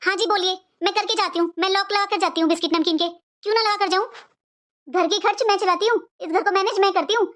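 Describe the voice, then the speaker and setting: Woman playing a bossy, taunting sister-in-law, shrill and very high voice. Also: fast, fairly bright tone. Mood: defensive. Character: sharp-tongued scheming sister-in-law. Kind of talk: family drama acting.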